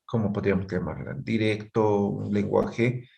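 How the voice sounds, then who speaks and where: A man's voice: on the low side, steady tone, measured pace, vocal fry, mellow. A man teaching a language class, explaining patiently and often checking that students follow. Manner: patient, checks understanding with frequent tag questions.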